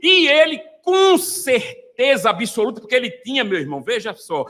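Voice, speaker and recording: A man's voice: very high-pitched, huge pitch swings, normal speed, bright, forceful tone, long reverb tail. A man, preaching a fervent sermon as pastor and calling out to the congregation.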